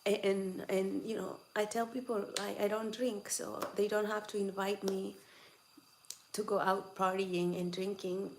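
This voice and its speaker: An adult woman over twenty-six hosts a casual livestream from home, chatting with viewers, teasing them and laughing often. Her mid-range voice is flat and measured, and the room sounds echoey with faint background noise.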